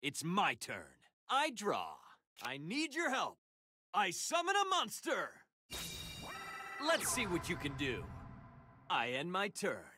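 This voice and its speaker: A young anime hero in a card game, pitched high and swinging widely as he declares each move. He is earnest, determined and hopeful, with slow, deliberate delivery over loud music. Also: huge pitch swings, slightly rough, no echo, heavily acted. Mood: resolute.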